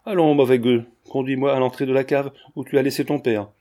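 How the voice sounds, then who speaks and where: A man voicing a gruff, bullying middle-aged customs officer in a storybook reading. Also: mid-range voice, fairly even intonation, brisk, warm tone, lightly acted. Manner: brusque, bullying.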